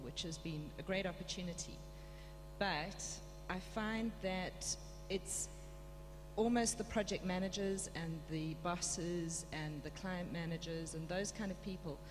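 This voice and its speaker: An audience member politely explaining a question at a conference in a large, echoing room. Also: mid-range voice. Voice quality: echoey. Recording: echoey hall, loud electrical hum.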